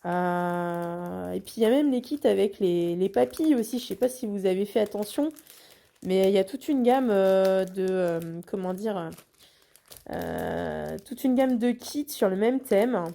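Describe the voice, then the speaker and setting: A woman's voice: mid-range voice, measured pace, creaky, warm tone. A woman hosting a craft channel, chatting casually through an unboxing with lots of hesitations and restarts.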